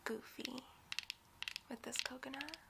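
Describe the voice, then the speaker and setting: Soft slow-whispering woman over coconut tapping. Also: high voice, steady tone, vocal fry, heavy background noise. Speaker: ASMR creator. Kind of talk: ASMR. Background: tapping and rubbing on a coconut.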